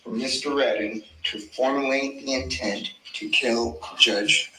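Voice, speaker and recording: A man speaking as a defense attorney, addressing a jury with emphatic, deliberate repetition of key phrases. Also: medium pitch, fairly even intonation, pushed and bright. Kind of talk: courtroom opening argument to a jury. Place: courtroom. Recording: echoey courtroom, clear background noise.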